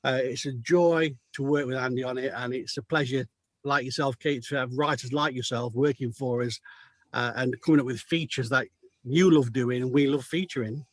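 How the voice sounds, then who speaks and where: A man's voice: medium pitch, steady tone, normal speed, no room sound. A man from the United Kingdom, a magazine editor, chatting casually on a video call with many restarts and fillers. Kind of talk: casual chat.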